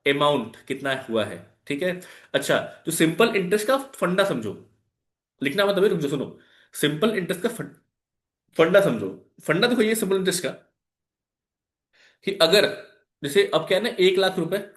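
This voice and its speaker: A man with an Indian accent runs a live online maths lesson, walking through each step and putting questions to his students. His voice sits a little high for a man. The room around him rings with a noticeable echo. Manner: explains step by step, asks students questions, mixes in English. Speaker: maths tutor. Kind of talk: live online class lecture.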